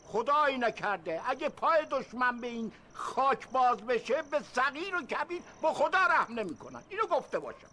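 Stern old village elder, high bright voice, lecturing, radio drama. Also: male voice, very animated, hardly any pauses, a little hiss or hum, exaggerated voice. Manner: lecturing, calls others "son".

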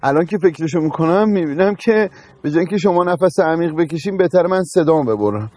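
A wisecracking young driver. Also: male voice, fairly high pitch, lively intonation, darkish tone, no room sound. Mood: sarcastic. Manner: sarcastic and joking. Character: wisecracking young man driving a car. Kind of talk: comedy film acting. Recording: noisy film audio.

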